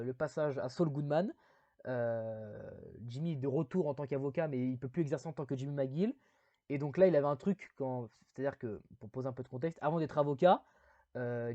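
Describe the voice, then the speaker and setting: A man's voice: mid-range voice, a little mellow, no echo, muffled recording. A man giving a casual spoken video review, rambling with many fillers and self-deprecating asides.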